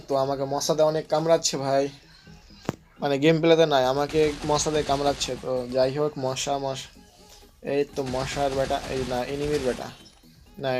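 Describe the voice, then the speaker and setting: A man's voice: on the high side, a little mellow. Joking man commenting on gameplay. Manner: joking, teasing opponents, rambling. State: voice slightly hoarse. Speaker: gaming channel host.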